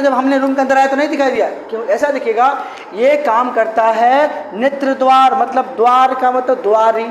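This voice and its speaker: A man teaching a science lesson in casual talk, who keeps asking questions and answering them himself, repeating each term. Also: extremely high pitch. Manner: repetitive and drilling. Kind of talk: casual classroom explanation. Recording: echoey room with long reverb and faint hum.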